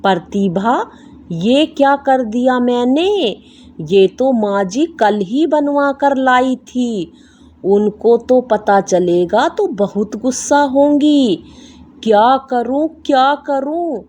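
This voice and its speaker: A sly, spoiled young daughter-in-law in a storybook, played by a woman. Her voice is fairly high, and her tone is whiny and fussy. She speaks slowly and with a lively pitch. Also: full character voice. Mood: panicky. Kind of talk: storybook voice acting.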